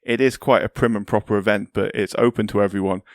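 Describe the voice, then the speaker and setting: A man's voice: on the low side, steady tone, fast, dry recording, studio quality. A man chatting casually as a podcast host. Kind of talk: casual chat.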